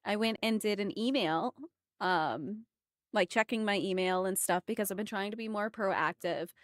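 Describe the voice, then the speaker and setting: A woman chats casually to her livestream viewers in an expressive, effusive way. Her voice sits at a middling pitch. The sound is close and dry, with very little room. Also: normal speed, no room sound. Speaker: livestreamer, emote artist.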